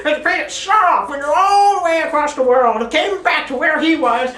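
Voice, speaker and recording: At a moderate pace, a teenage girl with a high, slightly bright voice rambles through an absurd story she's making up on the spot, often giggling. She's a student in a classroom with echoey sound, filmed by a camera across the room.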